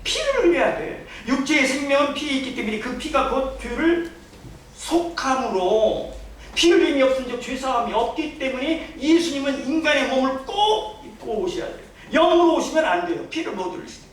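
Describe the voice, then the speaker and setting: High-voiced man preaching in an echoey church. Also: lively intonation, moderate pace. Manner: storytelling with rhetorical questions. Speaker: pastor. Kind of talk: sermon. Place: church sanctuary. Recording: echoey church hall, distant mic, faint hiss.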